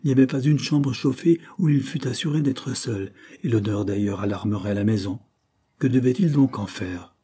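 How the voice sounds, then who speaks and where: A man narrating a novel aloud in a steady, measured reading. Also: medium pitch, breathy edge. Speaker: audiobook narrator.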